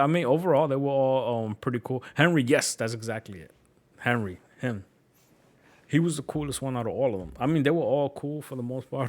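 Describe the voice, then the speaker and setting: A man with a New York accent chatting casually while streaming a game, rambling through stories with swearing. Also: medium pitch. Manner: rambling, laid-back storytelling with profanity. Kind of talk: casual chat while gaming.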